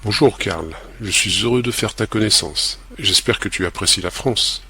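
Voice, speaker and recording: A man's voice: fairly low pitch, normal speed, sharp tone. A man playing a polite young man who welcomes a foreign guest, in a scripted language-lesson dialogue.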